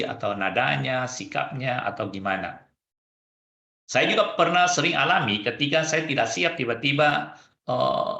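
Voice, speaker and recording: A man coaching over a video call, animated and acting out quoted lines. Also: on the high side, roomy sound.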